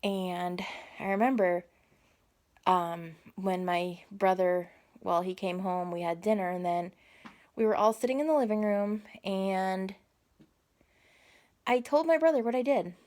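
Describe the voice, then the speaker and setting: Woman vlogger, casual storytime, rambling and self-correcting, mid pitch, phone-camera audio. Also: measured pace, pauses often, a little mellow.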